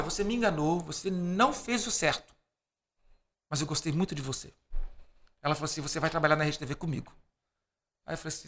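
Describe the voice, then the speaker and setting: Fast-talking gravelly man telling stories. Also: on the high side. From Brazil. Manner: acts out dialogue in quoted voices; lively storyteller, laughs between lines. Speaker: podcast guest. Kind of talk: animated anecdote telling.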